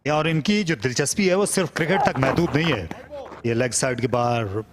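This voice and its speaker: A Pakistani man giving measured live play-by-play cricket commentary in descriptive, formal wording. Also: mid-range voice, lively intonation, noisy background.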